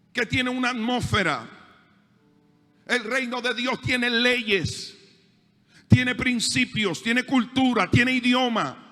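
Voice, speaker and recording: Panamanian pastor guy preaching, pretty high voice, long hall echo, punches up key lines. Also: bright, forceful tone. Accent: Panamanian Spanish. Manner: preaching with rising emphasis, acting out dialogue in anecdotes. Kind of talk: sermon. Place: church hall.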